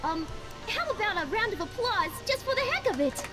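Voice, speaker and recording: A woman's voice: very high-pitched, big pitch swings, a little fast, over music. A woman voicing a perky, formal expo announcer in a video game, with chirpy, flowery, upbeat delivery. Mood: flustered.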